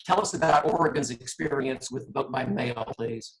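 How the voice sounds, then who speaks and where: A man's voice: mid-range voice, normal speed, gravelly, rough recording. A man moderating a panel, formally introducing a guest before asking his question.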